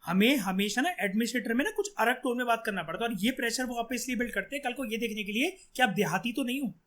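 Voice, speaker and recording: High, bright-voiced male teacher. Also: fast talker. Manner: chatty, addresses students directly and acts out lines. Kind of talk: classroom lecture to students.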